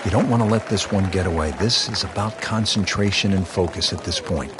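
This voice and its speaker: A man's voice: sits low, fairly quick, heavy background noise, close to an everyday voice. A man working as a golf commentator, calling play as a composed lead announcer in a video game. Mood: composed commentary. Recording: crowd ambience and music behind.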